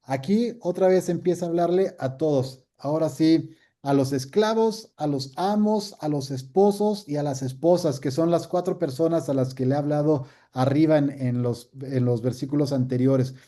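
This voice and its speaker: A middle-aged pastor teaching a casual Bible class, chatty and jokey, acting out little quoted scenes. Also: male voice, on the high side, normal speed, few pauses, mellow.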